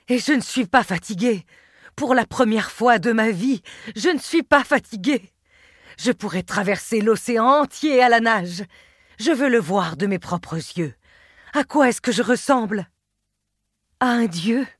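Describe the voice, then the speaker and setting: A giddy young male sea god bursts out in wonder at his own new strength, as a woman reading the story puts him on. The voice sits higher and louder than the storyteller's own. It has a dry, close sound. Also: animated, normal speed, dry recording. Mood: elated. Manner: exclaiming, wondering.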